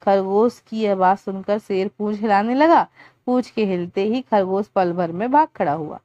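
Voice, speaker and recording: A woman's voice: medium pitch, mellow, no echo. A woman teacher works through a children's workbook aloud. She reads out stories and questions, then answers them step by step. Her voice is dull and lo-fi, with a dry, close sound. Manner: deliberate, explaining, occasional restarts. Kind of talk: reading a school workbook aloud.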